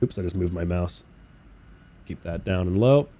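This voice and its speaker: Young man, game streamer, low voice, casual rambling chat, swears freely, talks to chat. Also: normal speed. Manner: bursts into loud incredulous rants. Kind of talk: casual live-stream chat while flying a flight sim. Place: living in Australia.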